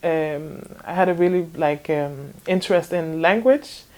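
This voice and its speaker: A woman's voice: low-pitched, a little slow, a little mellow. A young woman in her twenties from Denmark, answering interview questions casually with frequent hesitations and small laughs. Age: 20s. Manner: hesitant, many ums and restarts, laughs often. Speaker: interview guest, fashion designer.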